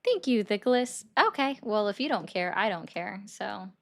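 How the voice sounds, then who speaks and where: Speaking in an expressive mid-range voice with vocal fry, this woman hosts a livestream where political callers phone in. She argues bluntly with them and is quick to mock.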